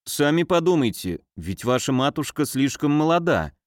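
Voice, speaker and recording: A man's voice: a little high, very animated, normal speed, no room sound, clean studio sound. A man doing a grumbling, hesitant count. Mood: irritated. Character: hesitant, irritable male count.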